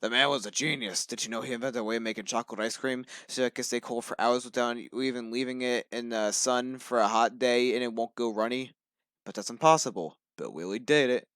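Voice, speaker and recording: A man's voice: medium pitch, fairly quick, a bit bright, dry recording. A young man reading a story aloud to friends on a phone call, hammy and playful.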